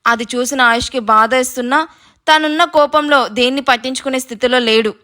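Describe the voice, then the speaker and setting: A woman's voice: high-pitched, fast talker, pushed and bright. A woman narrating an emotional story in a dramatic way.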